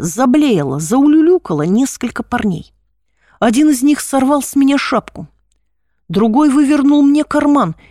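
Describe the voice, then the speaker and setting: A woman reading a first-person story aloud in a measured, expressive way. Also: high-pitched, dry recording, studio quality.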